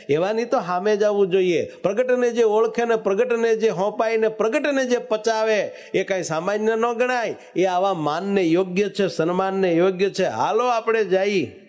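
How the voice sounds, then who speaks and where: A man preaching a devotional sermon, telling a story and breaking into sung verses. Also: sits high. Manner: storytelling, bursts into sung verses, calls out lines.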